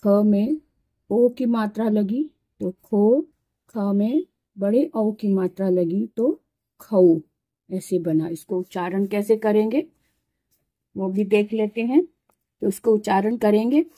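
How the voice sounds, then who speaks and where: A woman's voice: mid-range voice, slow, long pauses, dark tone, no echo. Woman teacher, patient alphabet lesson, sounds out syllables one by one, dry close sound. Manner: explains while writing, pointing at letters. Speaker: Hindi and Sanskrit teacher. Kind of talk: slow step-by-step alphabet lesson.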